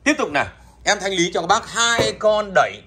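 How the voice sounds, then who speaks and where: A man with a husky voice giving an off-the-cuff, pushy hard-sell product pitch, repeating himself with emphatic claims. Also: big pitch swings, moderate pace, sharp tone. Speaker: online seller of used audio amplifiers. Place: indoors, beside the goods on a patterned cloth.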